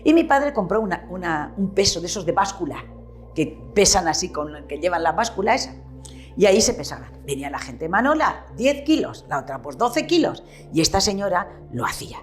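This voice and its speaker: An older woman in her seventies tells her memories in Spanish with a Valencian lilt. Her voice sits a little low, and she talks in a lively way, switching into the voices of the people she remembers. Soft music plays faintly behind her. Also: fairly quick. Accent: Valencian-tinged Spanish. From Petrer, eastern Spain. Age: 70s. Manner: animated storyteller who acts out remembered dialogue. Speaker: retired shopkeeper. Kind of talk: reminiscing interview.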